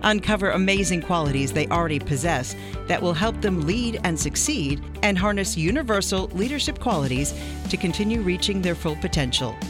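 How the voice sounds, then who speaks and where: A woman's voice: on the low side, lively intonation, brisk. Polished woman announcer over music. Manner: polished, persuasive. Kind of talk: scripted promotional read. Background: music bed.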